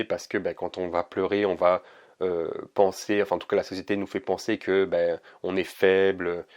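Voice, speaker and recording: A man giving a casual oracle card reading to camera, hesitant and gentle, with many fillers and restarts. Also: low voice.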